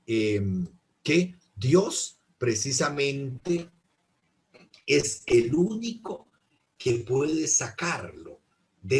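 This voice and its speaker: A middle-aged man, a priest teaching an informal Bible class, who explains patiently and keeps checking in with his listeners. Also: mid-range voice. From Costa Rica.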